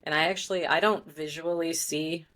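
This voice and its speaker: A woman's voice: low voice, steady tone, normal speed, fairly bright tone. A woman guest on a podcast, an author, chatting casually with frequent laughs and fillers.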